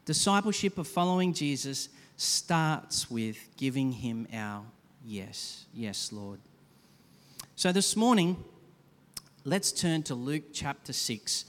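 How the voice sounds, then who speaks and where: A man pastor giving a conversational, animated sermon with quick asides to a congregation. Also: medium pitch. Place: church hall. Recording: long hall reverb.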